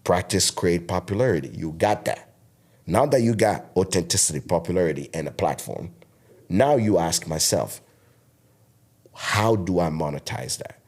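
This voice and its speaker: Low in pitch and somewhat dark in tone, his voice has lively intonation and a moderate pace. He's a man in his thirties raised in Togo as a native French speaker, with a French West African accent, preaching emphatically while appearing as a guest content creator on a podcast interview.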